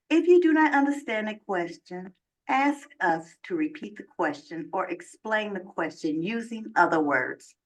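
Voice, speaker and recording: Heard from a video playing some distance away, a woman acts the part of a formal immigration officer. She runs the interview in a measured, procedural way with a mid-range voice. The recording sounds muffled.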